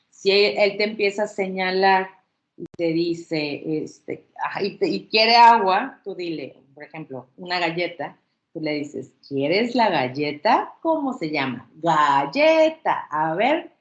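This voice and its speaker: A woman's voice: on the low side, unhurried. A woman giving an informal workshop talk, reassuring her listeners and acting out baby sounds as examples. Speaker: child language workshop presenter. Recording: echoey room, slightly dull audio.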